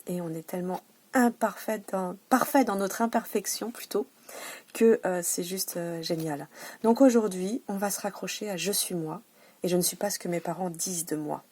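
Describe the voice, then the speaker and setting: A woman working as a wellness coach, speaking casually and encouragingly, with hesitant restarts, sometimes dropping to a soft hush to guide breathing exercises. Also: fairly low pitch, normal speed. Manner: drops to a soft hush while guiding breathing. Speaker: wellness coach offering private sessions and massages. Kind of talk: casual self-help talk with guided breathing.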